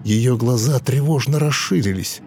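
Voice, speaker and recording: A man narrating a dramatic audiobook in a measured, expressive way. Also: medium pitch, slight background noise. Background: soft music.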